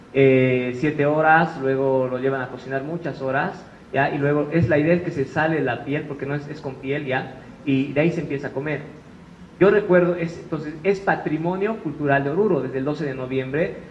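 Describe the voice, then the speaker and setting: Bolivian chef, male, chatty conference speaker, fairly high voice, roomy muffled recording. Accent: Bolivian Spanish. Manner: chatty storytelling, tag questions. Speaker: chef giving a talk. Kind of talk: conference talk. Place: conference room. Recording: roomy hall, muffled sound, faint noise.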